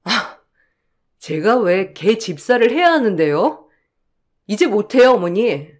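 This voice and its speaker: A woman's voice: on the high side, big pitch swings, a little slow. A woman playing a hurt, indignant young wife. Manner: emotional, protesting.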